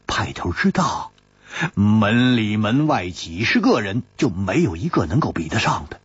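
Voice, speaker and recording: A male storyteller narrating a traditional Chinese martial-arts tale in an animated way with wry asides. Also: on the low side, a little slow, breathy edge, dry recording. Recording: dull lo-fi audiobook recording.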